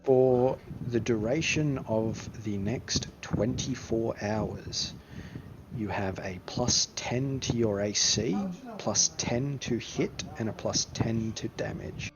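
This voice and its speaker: A man's voice: lowish voice, slow pace, crowd noise. A man acting as game master, narrating a tabletop game. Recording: dull recording under loud music.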